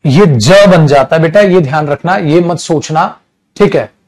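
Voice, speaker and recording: Male teacher, middle-aged; slow, teasing, high-ish delivery. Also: darkish tone. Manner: slow, chatty, teasing, calls students beta. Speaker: English grammar teacher. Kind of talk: casual classroom lecture.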